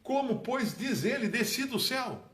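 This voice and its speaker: Male preacher, conversational teaching tone, animated delivery with big pitch lifts, roomy recording. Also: moderate pace. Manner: animated, dramatic rises in pitch on key phrases. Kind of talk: informal Bible teaching.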